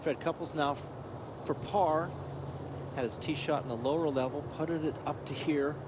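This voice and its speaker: A man works as a live golf commentator with a slightly high-pitched voice. He describes each shot in clipped phrases, and outdoor noise is clearly audible. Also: steady tone, moderate pace.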